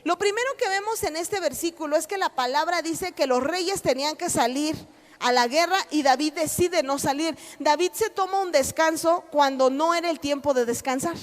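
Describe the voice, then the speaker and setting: High-voiced woman pastor preaching in a hall. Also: normal speed. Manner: emphatic preaching, acts out God's encouraging voice loudly. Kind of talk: sermon.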